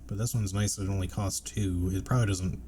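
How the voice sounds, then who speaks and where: A man's voice: low-pitched, fairly even intonation, fast talker, dark tone, a little hiss or hum. A man giving casual, laid-back let's play commentary, muttering asides to himself as he plays. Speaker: gaming streamer playing and commenting.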